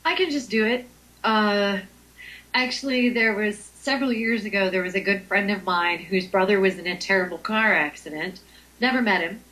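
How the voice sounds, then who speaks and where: A woman's voice: mid-range voice, moderate pace, a bit bright, rough recording. A woman being interviewed as a Reiki healer, talking in a hesitant way with many ums and restarts. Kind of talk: conversational interview.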